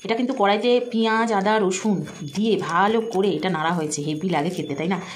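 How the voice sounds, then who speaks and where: A woman food vlogger chatting quietly to her viewers while she eats by a window, savoring each bite aloud. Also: mid-range voice, brisk, slight background noise. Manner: soft-spoken, hushed. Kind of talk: casual vlog chat while eating. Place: indoors by a sunny window.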